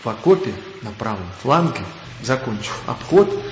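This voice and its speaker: A man playing an army lieutenant, recounting his war story in measured, expressive first-person narration. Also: mid-range voice, lightly acted. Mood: measured, serious. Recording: dull echoey hall, faint ambient noise.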